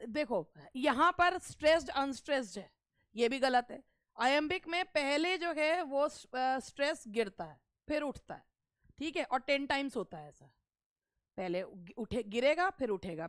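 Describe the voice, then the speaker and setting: A woman English teacher running a live online exam-prep class, reading lines slowly and deliberately and playfully scolding her students. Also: sits high, dry recording, studio quality.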